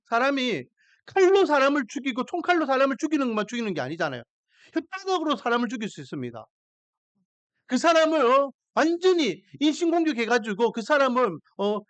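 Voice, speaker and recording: A man's voice: extremely high pitch, fairly bright tone, no room sound. A man preaching a sermon, emphatic and putting questions to his congregation. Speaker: pastor.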